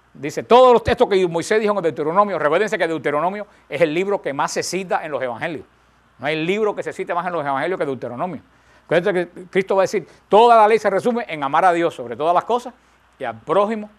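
A man preaching a sermon, emphatic, rising and falling, repeating phrases for stress. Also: on the high side.

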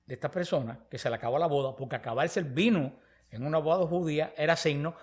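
With a fairly high pitch, the man talks fast while giving a conversational Bible lesson. This preacher is an animated storyteller who acts out the quoted speech.

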